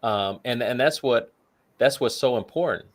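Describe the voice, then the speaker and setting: A talk show co-host with a medium-pitched voice and a normal pace casually walks through retirement numbers. He works through the figures aloud, scattering plenty of "you know" fillers along the way.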